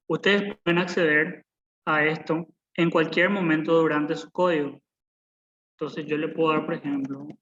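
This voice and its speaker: Slightly high and a bit bright, the voice belongs to a young man in his twenties running a live online programming lesson. The video-call sound is lo-fi with slight background noise. He is patient and repetitive, frequently asking "¿verdad?" to check on his students.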